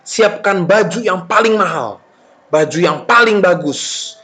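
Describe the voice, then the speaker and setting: A loving, overjoyed father, high and emphatic, pouring out warmth to his son, as a man puts him on. The voice is bright with wide, lively swings. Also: measured pace, full character voice. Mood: joyful. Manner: high, emotional, emphatic exclaiming.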